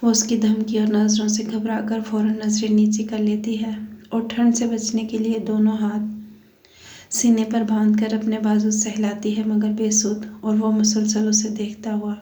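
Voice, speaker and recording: A woman narrating a romantic novel aloud with an even, steady delivery. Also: medium pitch, moderate pace. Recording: echoey room.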